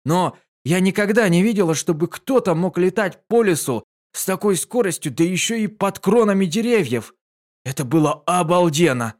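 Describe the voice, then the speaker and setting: A man voicing a brash tomboy pegasus mare with a husky voice in an audiobook reading. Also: high-pitched, lively intonation, normal speed, pitched above the performer's own voice. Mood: excited.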